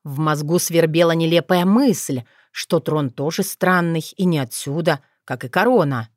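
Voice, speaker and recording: A woman narrating an audiobook fairy tale in expressive storytelling. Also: sits low, normal speed, no echo, clean studio sound.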